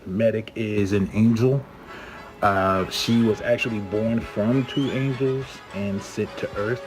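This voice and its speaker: A man, a comic book writer, casually pitching his book to camera in an easygoing, enthusiastic way, with plenty of fillers. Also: steady tone, takes it slowly. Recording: music playing underneath.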